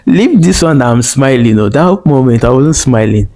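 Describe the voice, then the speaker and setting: Man, personal vlog storytelling, earnest, emotional, repeats himself, mid-pitched. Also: lively intonation, normal speed, warm tone. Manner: earnest and emotional, repeats phrases, talks to viewers directly. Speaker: vlogger.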